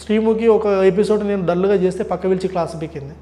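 A man appears as a comedian guest in a casual interview, telling stories quickly and with lots of animation. His voice is high and warm, and his words come fast.

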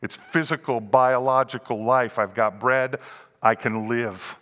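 A man's voice: medium pitch, steady tone, measured pace, a bit bright, big-room sound. A man in his sixties, a pastor preaching a sermon, rising and dropping in volume and acting out the grumbling crowd. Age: 60s. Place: church sanctuary.

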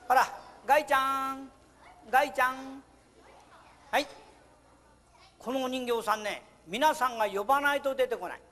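A man's voice: extremely high pitch, moderate pace, long pauses, pushed and bright. A man performing a puppet show for children, playfully scolding his puppet and calling out to the audience.

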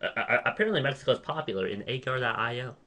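A man's voice: mid-range voice, racing, pushed and bright. A young man hosting a casual gaming chat, rambling, restarting his sentences and putting himself down. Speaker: channel host.

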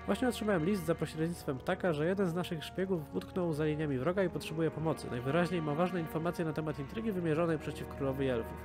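Guy reading old elf spy advisor, proud, bit higher voice, game music under it. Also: fast talker, hardly any pauses, close to an everyday voice.

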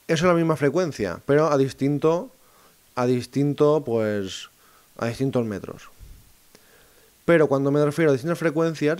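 A man's voice: on the high side, darkish tone, smooth. Hesitant man musing aloud. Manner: hesitant, restarts phrases, thinking aloud; addresses listeners directly. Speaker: host of a segment on psychophony. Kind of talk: casual monologue.

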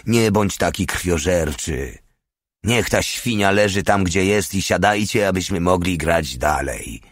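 A man voicing a gruff but fatherly middle-aged sergeant in an audiobook, calm and commanding. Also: deep voice, unhurried, dry recording, clean studio sound.

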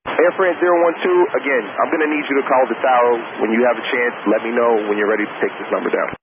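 A man's voice: medium pitch, fairly even intonation, fast talker, narrow, tinny audio. A man working as an air traffic controller, giving firm, impatient, repeated instructions over a crackling radio link with static bursts. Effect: crackling radio transmission with static bursts. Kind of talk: clipped radio instructions to a pilot.

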